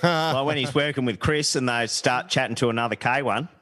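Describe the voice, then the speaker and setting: A man with an Australian accent in casual podcast banter. His voice is medium in pitch, and he talks in a blokey, slangy, teasing way. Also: a little fast, fairly bright tone. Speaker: podcast co-host. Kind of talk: casual chat.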